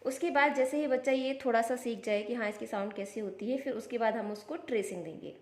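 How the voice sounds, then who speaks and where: A woman's voice: on the high side, fairly quick, a little mellow. A woman, a parent, patiently explaining how to teach children phonics step by step, sounding out letters in a casual instructional vlog.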